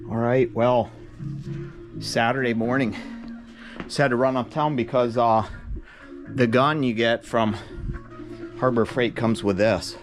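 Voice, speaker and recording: A man's voice: medium pitch, fairly even intonation, a little slow, long pauses, soft background music. A man casually narrating his own work on his trucks, rambling and laid-back with lots of fillers, recorded outdoors beside a truck. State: a little out of breath at times. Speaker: vlogger working on his trucks. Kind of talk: casual self-filmed narration.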